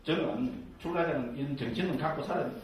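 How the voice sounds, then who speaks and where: A man's voice: fairly high pitch, quick pace. A man who teaches Buddhist scripture as a monk, in a jokey, conversational way that is full of tag questions. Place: lecture room with a live audience. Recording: echoey room from far off, faint hiss.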